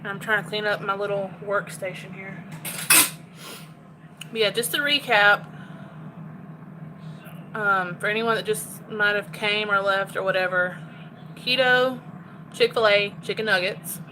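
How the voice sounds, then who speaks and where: A woman's voice: mid-range voice, fairly even intonation, unhurried, long pauses, noisy background. A woman chatting candidly to her phone while cooking in her home kitchen. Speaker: cooking vlogger. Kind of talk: casual chat while cooking.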